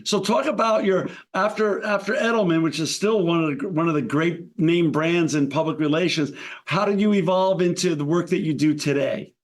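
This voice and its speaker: A man's voice: a little high, moderate pace. A man from New York City hosting a podcast interview, enthusiastic and conversational with small restarts. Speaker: podcast host. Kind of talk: podcast interview with read sponsor ads.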